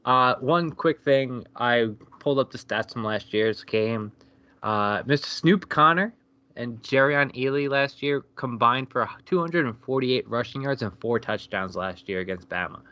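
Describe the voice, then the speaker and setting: A man's voice: mid-range voice, expressive, measured pace, pushed and bright, smooth, muffled recording. Laid-back man breaking down college football. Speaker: podcast co-host. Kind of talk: casual sports betting chat.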